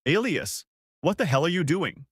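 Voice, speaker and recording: A man playing a furious young man, high and strained. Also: lively intonation, normal speed, a bit bright, slightly rough, no echo, studio quality. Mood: exasperated. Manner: protesting in raised, strained outbursts. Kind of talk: storybook audiobook reading.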